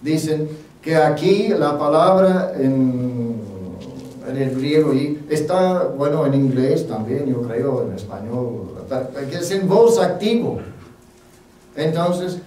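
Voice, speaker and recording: A male pastor preaching a sermon in an unhurried, folksy, self-deprecating way, with many fillers. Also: fairly high pitch, lively intonation, darkish tone. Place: church sanctuary. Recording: very echoey church, mic at a distance.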